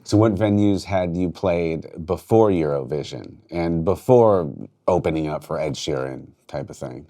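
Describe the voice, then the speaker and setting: A man's voice: low-pitched, unhurried, dark tone. A man hosting a radio interview in a station studio, upbeat and talking with many fillers. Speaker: radio host.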